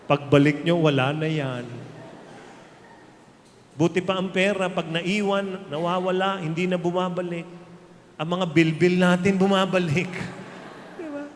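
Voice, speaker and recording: A man with a Filipino accent preaching a sermon, speaking slowly and emphatically and mixing in jokes for his congregation. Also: high voice, steady tone. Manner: slow, emphatic preaching that mixes Tagalog and English, with jokes to the crowd. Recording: reverberant hall, faint ambient noise.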